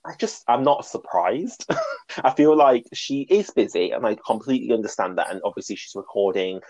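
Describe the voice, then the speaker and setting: A man's voice: medium pitch, lively intonation, normal speed, darkish tone, dry recording, poor audio. A man co-hosting a podcast, chatting about reality TV in a gushing, chatty way. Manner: chatty and gushing, with frequent laughs and fillers. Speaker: podcast co-host. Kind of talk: casual chat about reality TV.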